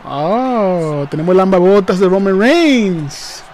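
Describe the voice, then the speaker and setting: A man hosting a live reaction stream, excitable and hyped, repeating phrases and calling out to his viewers. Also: high voice, takes it slowly, slight background noise.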